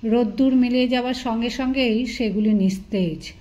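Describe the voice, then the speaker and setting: A woman narrating an audiobook novel in a steady, literary storytelling manner. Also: fairly high pitch, normal speed. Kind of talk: scripted narration.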